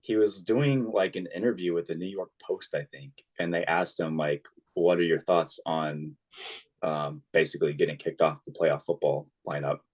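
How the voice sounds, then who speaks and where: Male co-host, very deep voice, easygoing topic-setter. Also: steady tone, normal speed. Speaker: sports podcast co-host. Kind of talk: casual chat.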